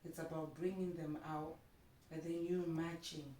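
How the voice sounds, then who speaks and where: A Zimbabwean woman whose first language is Shona chats as an interview guest about marriage, pressing her points emphatically with repeated phrases in her Zimbabwean accent. Her low, warm voice keeps a level tone at a moderate pace, recorded in an echoey room via a distant mic with faint noise.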